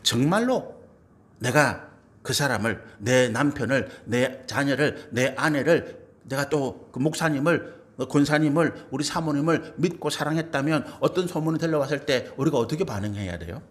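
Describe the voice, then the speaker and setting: A man's voice: mid-range voice, moderate pace. A man preaching a sermon as pastor, acting out quoted family members in his own voice. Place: church sanctuary.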